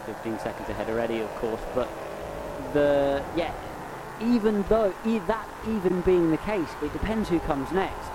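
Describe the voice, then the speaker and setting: A man's voice: on the high side, moderate pace. A man giving conversational live motorsport commentary and analysis on a race. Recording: loud engine noise behind.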